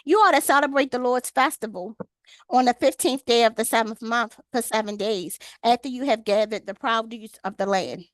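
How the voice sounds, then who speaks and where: A woman with a high, light voice teaches a Bible study over a video call. She reads the verses steadily and then speaks directly to the women in the group, calling on them by name. The sound is dry, with no room echo. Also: moderate pace. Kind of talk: online Bible study lesson.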